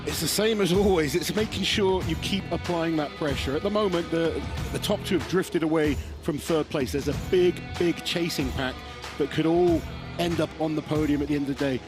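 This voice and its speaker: A man's voice: fairly high pitch, normal speed, music in the background. A man giving enthusiastic color commentary on a live strength competition. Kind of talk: live sports analysis.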